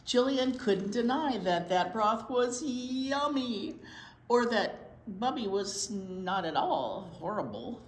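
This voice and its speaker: Her voice on the high side, this woman reads a picture book expressively to young kids at a library storytime, stopping to wonder aloud and ask them questions. Background noise is clear, and the room echoes.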